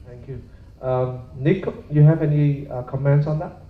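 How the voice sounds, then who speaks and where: A man's voice: mid-range voice, fairly even intonation, moderate pace. A man moderating a panel discussion, hesitant and full of fillers. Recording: echoey room, dull sound, faint noise.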